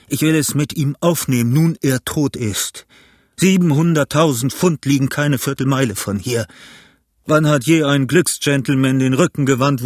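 A scheming pirate captain, bold and defiant, who blusters his crew along, as a man reading the story puts him on. The voice is husky and sits close to the mic with no room sound. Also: mid-range voice, no room sound, natural voice.

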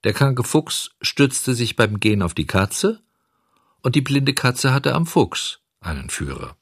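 A man reading a children's storybook aloud as narrator, in an expressive, melodic way. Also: mid-range voice, a little slow, breathy edge, dry recording, studio quality.

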